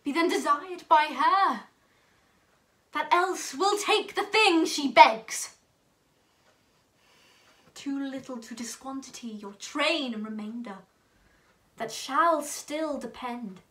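A haughty, scornful noblewoman played by a young woman declaims Shakespearean English in a stage monologue. Her high, sharp voice moves slowly, swinging between hushed contempt and forceful command. It is picked up from some distance from the mic. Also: lively intonation, exaggerated voice. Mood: stern demand. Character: haughty, scornful noblewoman rebuking an old man. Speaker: student actor.

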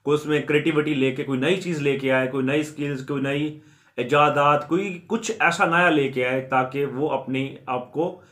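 A man with a somewhat high-pitched voice gives an earnest explanatory talk to his viewers. He repeats his points, restates them in new words, and drops English terms into his sentences. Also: normal speed, fairly bright tone. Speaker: YouTube education channel host.

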